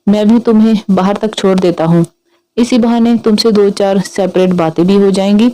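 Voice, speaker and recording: A woman's voice: medium pitch, fairly even intonation, moderate pace, dark tone, lightly acted, low-quality recording. A woman voicing a playful, teasing young man in love in a read-aloud story. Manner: teasing, mock-innocent.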